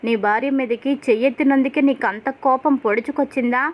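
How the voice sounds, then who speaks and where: A woman's voice: high-pitched, fairly even intonation, fairly quick, muffled recording. A woman reading the scolding, threatening lines of an arrogant male police officer in a retold story.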